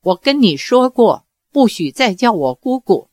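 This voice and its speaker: A woman voicing a young swordswoman mistress in an audiobook, soft, tremulous and reproachful. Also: medium pitch, expressive, unhurried, no echo, studio quality, close to an everyday voice. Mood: tender. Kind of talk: audiobook character reading.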